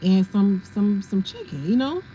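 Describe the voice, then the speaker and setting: A woman's voice: mid-range voice, sing-song, normal speed, mellow, slight background noise, low-quality recording. A woman hosting a casual livestream, chatting and laughing as she answers viewers' comments. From family from South Carolina. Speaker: livestream host.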